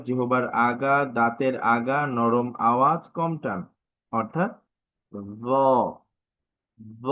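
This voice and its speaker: A man teaching Arabic letters in an online live class, drilling each sound aloud and repeating it. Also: medium pitch. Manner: opens with Arabic recitation. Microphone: online live class audio. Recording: tinny phone-like online audio.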